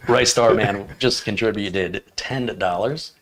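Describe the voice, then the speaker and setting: A man with a fairly low voice co-hosts a live stream in a relaxed, conversational way. He reads viewer comments aloud and answers them, slipping in dry, teasing humor. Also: a little slow, slight background noise, poor audio. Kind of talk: casual banter and reading viewer chat aloud.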